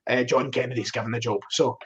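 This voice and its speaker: A man's voice: medium pitch, flat delivery, quick pace, a crowd in the background. A man with a broad Glaswegian Scottish accent in a casual, rambling football discussion, often repeating words as he starts. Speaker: football fan guest on a live stream.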